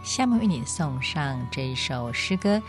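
A woman who hosts a radio program, narrating a novel with expressive storytelling. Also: a bass voice, moderate pace, music in the background. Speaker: radio program host and reader.

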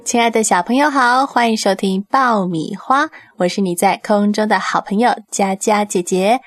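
A woman hosting a children's radio show, explaining things slowly and simply as if to small children. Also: mid-range voice, faint music behind.

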